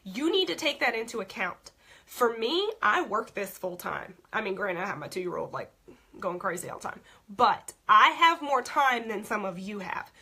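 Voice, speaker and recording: A young woman, a frank team leader teaching goal-setting in casual talk. She often checks in with "okay?" and her voice is going hoarse. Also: medium pitch, very animated, normal speed, sharp tone.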